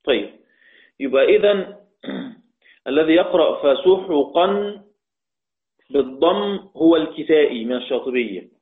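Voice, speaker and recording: A man with an Egyptian Arabic accent teaches an online lesson on Quran readings, explaining patiently, quizzing his class and chanting quoted verses slowly. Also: on the high side, expressive, gravelly. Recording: tinny phone-like online call audio.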